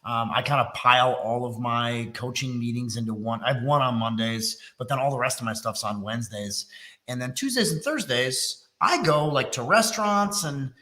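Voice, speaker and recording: Running a casual live business webinar, this middle-aged workshop host from Texas sounds a little congested and keeps things chatty, teasing and self-deprecating. He speaks at a moderate pace in a medium-pitched voice that is pushed and bright.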